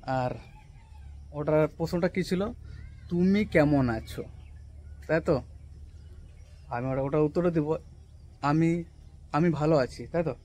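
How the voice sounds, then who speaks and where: Man slowly teaching words, rooftop vlog. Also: on the high side, a little mellow. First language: Santali. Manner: slow, drawn-out repetition of taught words, often asking "right?". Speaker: language teacher vlogger. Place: rooftop outdoors on a cloudy day.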